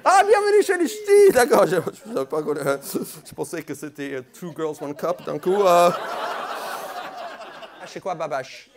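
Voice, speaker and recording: High-voiced man teasing a club crowd. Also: very animated, unhurried. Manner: playful, teasing, mock-outraged at the crowd. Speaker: stand-up comedian doing crowd work. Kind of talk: stand-up crowd work. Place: comedy club stage. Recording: live club audience audible.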